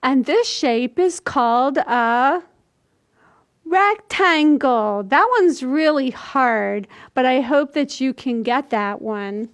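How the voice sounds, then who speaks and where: An older woman in her sixties, the library's storytime host, reads aloud to small children in a small indoor room, keeping her explanations simple and deliberate. She speaks high with lively intonation.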